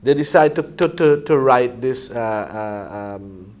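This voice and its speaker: A man reasoning conversationally in Rasta discussion style, pausing for words and often checking that he is followed. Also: medium pitch, animated, a little mellow. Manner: hesitant phrasing, often checks with "you see".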